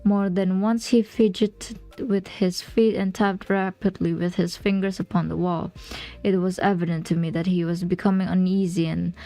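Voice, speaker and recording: Mellow-voiced woman reading aloud. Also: on the low side, level tone, moderate pace, soft background music. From Indonesia. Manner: stumbles on words and corrects herself. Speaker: streamer. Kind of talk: reading a novel aloud on a livestream.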